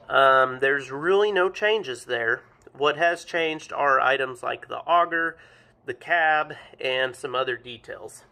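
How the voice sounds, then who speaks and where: Bright-voiced man reviewing farm toys. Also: on the high side. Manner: plain-spoken, thinks aloud with many ums and self-corrections. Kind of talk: casual show-and-tell review.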